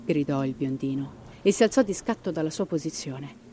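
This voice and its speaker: Brief: lowish female storyteller, dramatic horror narration with dry humor, faint hiss. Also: animated, normal speed, mellow. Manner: dramatic, sardonic asides. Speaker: storyteller and host. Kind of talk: scripted horror narration with comic banter.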